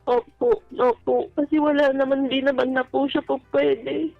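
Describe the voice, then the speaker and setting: Her voice sits high and gravelly with little pitch movement as this Filipino-accented woman calls a radio show seeking advice. Speaking a little slowly, she politely and deferentially shares a personal account in conversation. There's no room sound, but the lo-fi call audio is dull and has music in the background.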